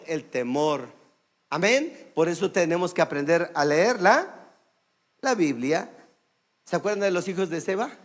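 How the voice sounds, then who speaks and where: A man with a Mexican accent preaching a sermon as pastor, emphatic, calling for amens and telling stories with many fillers. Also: high-pitched. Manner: emphatic preaching, calls for amen and applause; storytelling with many "este" fillers. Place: church service.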